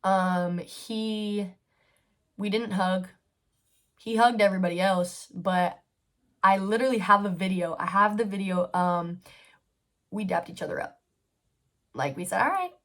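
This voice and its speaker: Twenty-year-old woman, solo podcast host, candid and chatty, loose with fillers and swearing, middle-pitched voice. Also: fairly even intonation, measured pace, long pauses, fairly bright tone. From United States. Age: 20s. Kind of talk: casual solo podcast storytelling.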